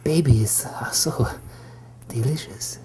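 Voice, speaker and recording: A woman voicing a hungry, boastful yet cowardly sock puppet creature in a comic puppet show, with a hushed, mock-sinister delivery. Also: unhurried, crowd noise. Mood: sly, sinister. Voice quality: husky, breathy, dark low voice.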